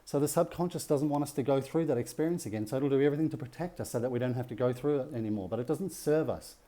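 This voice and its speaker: Dark-voiced man teaching a group. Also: mid-range voice, fast. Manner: checks in with the audience with rhetorical questions and "yeah?". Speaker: relationship workshop speaker.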